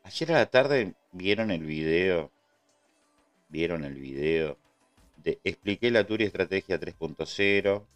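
His voice sits low with lively intonation, and he speaks a little slowly over faint background music. This Argentine Spanish speaker hosts a casual live trading stream, chatting with viewers, replying to the chat and thanking subscribers.

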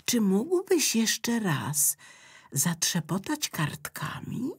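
A woman voicing a clever, lively female water spirit in a children's story. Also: mid-range voice, husky, voice pushed up, full character voice. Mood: bright. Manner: quick-witted and lively.

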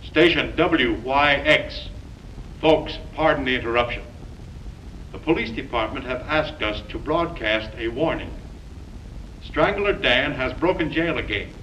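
An actor playing a radio station announcer who reads police warnings in a formal, measured way, heard in early talkie film sound. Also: male voice, mid-range voice, expressive, sharp tone. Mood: urgent. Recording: muffled, distant, faintly hissy 1929 film soundtrack.

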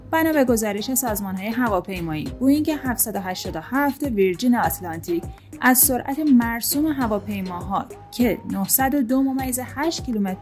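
A woman reading a scripted science explainer in an even, read-aloud manner. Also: a little high. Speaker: channel narrator.

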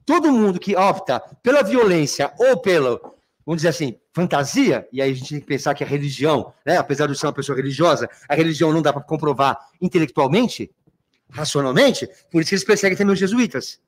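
A man's voice: fairly high pitch, animated, quick pace. A Brazilian man teaching a literature review class, often checking that students follow and calling them by fond names. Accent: Brazilian Portuguese. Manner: keeps checking understanding, addresses students fondly. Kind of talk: exam review lecture.

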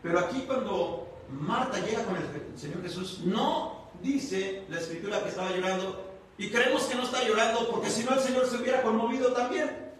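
A man's voice: high-pitched, moderate pace, a little hiss or hum. A man preaching a sermon at a church service, telling the story with expression and asking the listeners questions. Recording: echoey church hall, mic at a distance.

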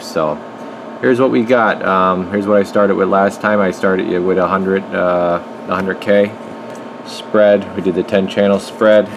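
Filming with a handheld camera from behind it, a radio repair technician with a low voice demonstrates his work in an indoor workshop. He thinks aloud casually in informal workbench slang, with background noise audible.

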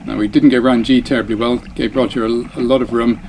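A dinghy racing sailor provides chatty, self-deprecating commentary over footage of his own race, frequently cutting off mid-phrase and starting over. His middle-pitched voice is steady, brisk, and darkish, and faint boat and water noise sits beneath the poor audio.

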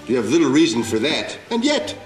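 A man's voice: medium pitch, very animated, a little fast, natural voice. An actor in his sixties playing a blunt, sardonic ex-cop who does amateur theater, in a television drama. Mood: stagey, earnest. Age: 60s. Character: gruff older ex-police officer turned amateur Shakespeare actor. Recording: echoey theater room, faint music.

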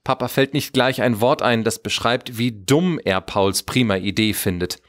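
A man narrating a German children's Christmas story in an expressive storybook manner. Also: on the low side, moderate pace.

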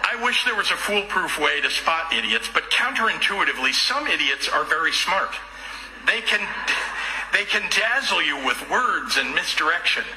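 Middle-aged man, humorous speech, very lively intonation, echoey replayed sound. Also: fairly high pitch, moderate pace, a little hiss or hum.

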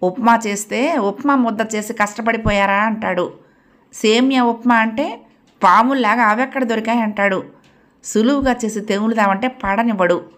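A woman's voice: a little high, moderate pace, fairly bright tone, close to an everyday voice. A woman reading the lines of an irritable household cook complaining about a fussy boy. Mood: aggrieved. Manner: grumbling, aggrieved.

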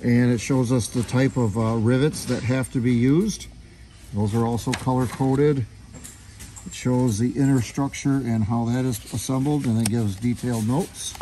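Filmed on a handheld phone, a shop owner walks viewers through his auto body shop in a mid-range, dark-toned voice with fairly even intonation and a normal pace. His chatty explanations are packed with fillers. Some faint hiss or hum comes through.

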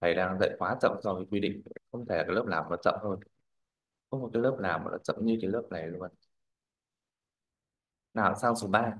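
A man's voice: lowish voice, low-quality recording. A male language teacher, leading a classroom pronunciation drill. He models words, corrects students, and keeps checking that they follow.

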